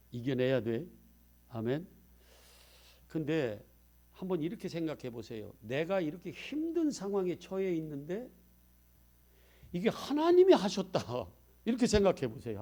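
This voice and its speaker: A man pastor preaching a sermon, talking conversationally with the congregation and swinging from quiet asides to loud emphasis. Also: mid-range voice, vocal fry.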